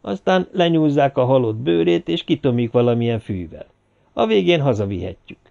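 A man's voice: medium pitch, big pitch swings, creaky, mellow. A man voicing a grim, weary male expedition leader who speaks firmly. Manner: firm, weary. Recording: dull lo-fi recording.

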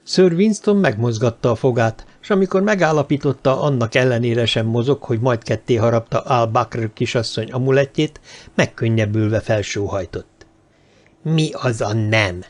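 A man reading an audiobook in even, measured scripted narration. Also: medium pitch.

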